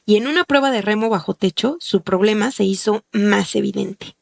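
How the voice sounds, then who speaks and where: A woman hosting a podcast, reading a scripted documentary narration in a measured, explanatory way. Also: mid-range voice, vocal fry, no echo, studio quality. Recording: faint music behind the voice.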